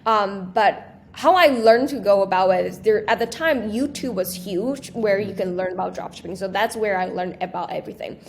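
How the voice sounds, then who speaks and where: A young woman from Taiwan who creates a small business chats eagerly as an interview show guest, often restarting sentences and using fillers. Her mid-range voice moves at a moderate pace with few pauses, over a little hiss or hum.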